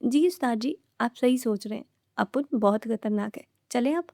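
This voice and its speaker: A woman's voice: fairly high pitch, moderate pace, a little mellow, dry recording, studio quality, natural voice. Woman reading as a brash, teasing young woman. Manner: brash, playful, bossy.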